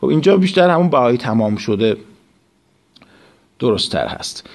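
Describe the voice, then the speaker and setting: A male teacher who reads English sentences slowly and word by word before explaining them. He uses a measured, patient classroom delivery. His voice sits in an ordinary middle pitch. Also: sing-song, vocal fry. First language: Persian. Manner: slow, deliberate reading of English phrases, then explains in Persian. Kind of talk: recorded class lesson.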